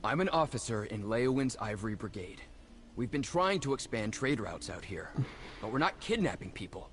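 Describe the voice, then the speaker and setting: An actor playing an indignant, earnest imperial army officer held captive, in fantasy video game dialogue. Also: male voice, lowish voice, sing-song, normal speed, a bit bright, slight background noise. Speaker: game character.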